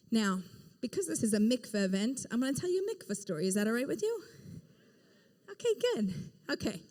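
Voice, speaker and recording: High-voiced woman, chatty gala speaker. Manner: chatty, playful, quizzes the crowd. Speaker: event speaker. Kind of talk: lively storytelling talk to a live audience. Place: large event hall. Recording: echoey hall sound.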